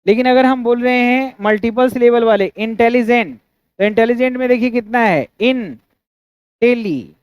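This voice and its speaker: Indian male grammar teacher, very high smooth voice, dry lo-fi recording, keeps checking students follow. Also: moderate pace, no room sound. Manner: asks students frequent checking questions; spells out words syllable by syllable. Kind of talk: classroom grammar lecture. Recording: dry, dull lo-fi sound.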